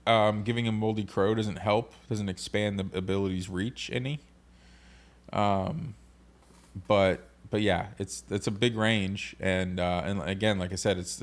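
Low-voiced man explaining game rules on a podcast. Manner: steady, explains rules methodically. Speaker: podcast co-host. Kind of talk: casual podcast chat, reading game cards aloud.

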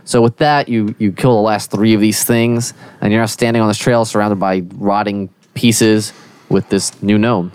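A man running a tabletop game as game master, narrating and checking in with players in a relaxed, easygoing way. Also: on the low side, normal speed, clean tone, no echo. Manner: relaxed, easygoing, frequent "cool" and "um".

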